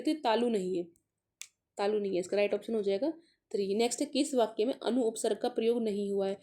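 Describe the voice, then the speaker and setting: A woman with a mellow, somewhat high voice leads a casual exam-prep grammar lesson. She works through the questions one by one, slowly sounding out letters and words as she explains, and drops English words into her talk.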